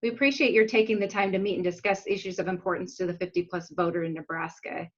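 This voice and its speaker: A woman's voice: fairly low pitch, fairly even intonation, fast, dull audio. A woman moderating a video call meeting with a scripted, formal welcome. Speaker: interview moderator.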